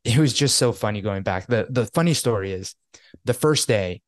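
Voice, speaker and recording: A young New Yorker co-hosting a podcast tells a story in animated, casual chat packed with fillers. His voice is fairly low and moderately paced, with no room sound.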